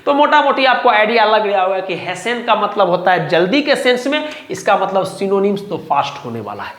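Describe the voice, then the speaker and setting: A male teacher giving a vocabulary lesson. He repeats each word, often checks whether it is clear, and asks and answers his own questions. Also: high voice, very animated, brisk, fairly bright tone. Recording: echoey room.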